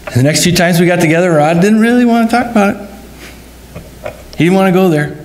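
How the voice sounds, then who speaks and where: Earnest pastor telling a story. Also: male voice, sits high, fast talker, darkish tone. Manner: earnest storytelling, quotes dialogue in varied tones. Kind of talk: funeral sermon storytelling. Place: church sanctuary.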